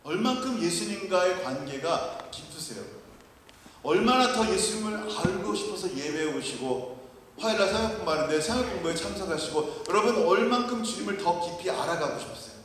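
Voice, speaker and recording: A man's voice: high voice, sing-song, fairly quick, a bit bright, a little hiss or hum. A male missionary preaching a sermon, telling stories and asking the congregation questions. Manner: storytelling, asks the congregation questions. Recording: very echoey long-reverb hall, mic far off.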